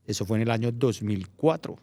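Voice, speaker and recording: A man's voice: fairly low pitch, fairly quick, no echo. Man telling stories, dry sound. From Colombia. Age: middle-aged. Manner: anecdotal, restarts phrases, animated when recounting. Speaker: journalist guest. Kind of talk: casual storytelling interview.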